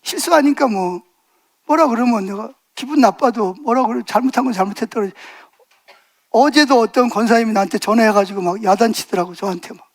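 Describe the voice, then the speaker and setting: A pastor in his sixties preaches a sermon in a very high voice, talking a little fast. He tells stories and poses rhetorical questions to the congregation, building up to emphatic bursts.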